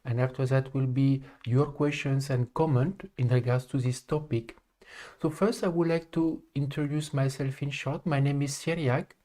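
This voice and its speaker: Man, live stream host, calm and halting, frequent pauses, warm dark tone. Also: mid-range voice. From France. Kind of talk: live stream talk to viewers.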